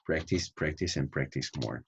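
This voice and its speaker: Low husky-voiced man teaching pronunciation. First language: Spanish. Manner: switches between Spanish and English, repeats words slowly for drill. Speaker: English teacher. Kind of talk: pronunciation lesson.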